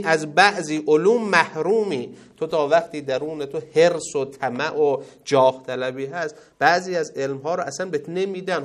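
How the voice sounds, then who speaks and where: A man lectures seminary students on religious ethics, reciting Arabic sayings and explaining them, mixing loud emphasis with quiet asides. His voice is on the high side.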